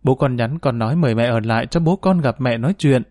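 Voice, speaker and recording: A man voicing a caring grown daughter-in-law who pleads gently, in a storybook narration. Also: medium pitch, fast, no room sound, clean studio sound, close to an everyday voice. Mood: pleading.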